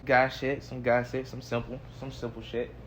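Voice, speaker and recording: A man's voice: mid-range voice, completely flat delivery, moderate pace, noisy background. A man hosting a casual podcast, laid-back and profane, steering the conversation. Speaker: podcast host. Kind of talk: casual chat.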